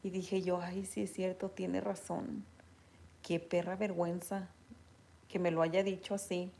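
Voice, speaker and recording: A woman with a Mexican accent chatting casually with her viewers, retelling stories in an animated way and reading their comments aloud. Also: on the low side, a little slow, gravelly.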